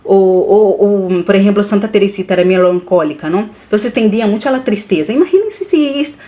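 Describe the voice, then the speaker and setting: A woman holds forth on a live stream, drifting between Portuguese and as she goes. Her talk is animated and earnest, and at moments she is moved by her own words. Her voice sits at an ordinary middle pitch. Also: a little fast. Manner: animated, mixes Portuguese and Spanish, emotional.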